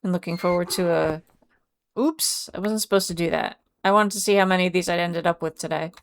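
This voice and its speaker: A woman's voice: on the low side, fairly even intonation, fast talker, a little hiss or hum. A woman streamer chatting casually with her viewers, reading out and answering chat messages. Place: home.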